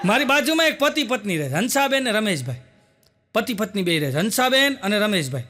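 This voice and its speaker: A man's voice: high voice, very animated, fast, noisy background. A man telling stand-up jokes, acting out quoted dialogue and repeating little filler words as he goes. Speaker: stand-up comedian. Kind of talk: Gujarati joke telling.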